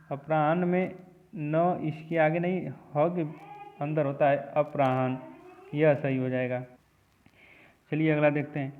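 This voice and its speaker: A man teaching a spelling lesson for exam preparation, repeating each word slowly and drilling the right form. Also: fairly high pitch. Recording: tinny phone-like audio.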